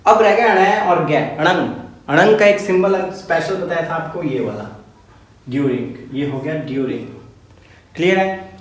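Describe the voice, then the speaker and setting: Male teacher, fairly high voice, patient and repetitive, recorded in a very echoey room a little off-mic. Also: normal speed, far from the mic. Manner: patient, repetitive, checks in with "ok, clear?". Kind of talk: phonetics lesson explaining symbols step by step.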